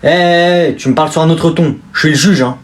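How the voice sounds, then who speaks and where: A man's voice: a little high, fairly quick, natural voice. A man playing a stern, fussy judge who scolds in a pompous way. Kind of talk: comedy sketch acting.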